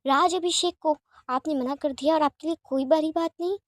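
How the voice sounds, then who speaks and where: A gentle, devoted young man speaks softly and remorsefully, as a woman reads him out in an audio fanfiction story. The voice sits high and the sound is dry and close, with nothing around it. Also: steady tone, fairly quick, no echo, close to an everyday voice. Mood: pleading. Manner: soft-spoken, remorseful, pleading.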